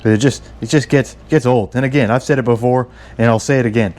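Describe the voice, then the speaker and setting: A man's voice: medium pitch, steady tone, a little fast, a little mellow. A man talking casually through a home recipe, stammering and repeating words as he goes, rambling and self-deprecating. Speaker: home cook. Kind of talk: casual cooking vlog.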